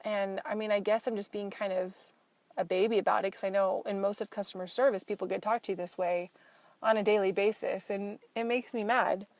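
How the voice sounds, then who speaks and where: A woman's voice: medium pitch, fairly even intonation, fairly quick, darkish tone, no room sound. Frank young woman venting alone in her car. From Portland, Oregon. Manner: frank, exasperated storytelling with swearing. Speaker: podcast host. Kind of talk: casual solo chat. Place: inside a parked car.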